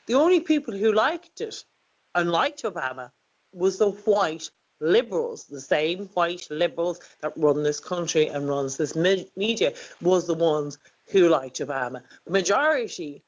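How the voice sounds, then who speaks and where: Host, mid-pitched voice, brisk and insistent, frequent ums. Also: expressive, low-quality recording. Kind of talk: political talk show interview.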